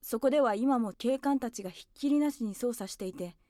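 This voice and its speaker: A woman's voice: fairly high pitch, fairly quick, dark tone, no echo, clean studio sound, natural voice. A woman playing a polite, timid young boy in an audio drama, acting and narrating in the first person.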